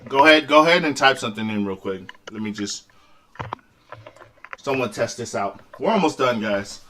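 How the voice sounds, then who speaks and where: Lively young man talking through a mouthful. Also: medium pitch, moderate pace, slight background noise. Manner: talks with his mouth full; loose and profane, addresses chat as y'all. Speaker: streamer eating on camera. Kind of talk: casual live-stream chat while eating.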